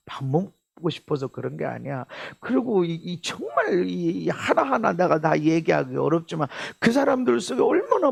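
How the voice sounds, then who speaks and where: A man's voice: sits high, gravelly. A middle-aged male pastor preaching a church sermon, acting out little dialogues as he goes. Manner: animated, acts out dialogue voices. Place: church sanctuary.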